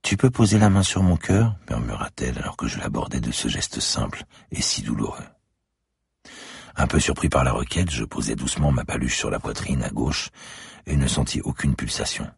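Very deep, gravelly male narrator. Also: dry recording. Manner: measured, intimate first-person telling. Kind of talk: literary audiobook narration.

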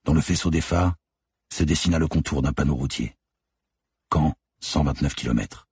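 A man reading a novel aloud in a measured, somber narration. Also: extremely low pitch, darkish tone, husky, no room sound, studio quality. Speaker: audiobook narrator. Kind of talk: scripted narration.

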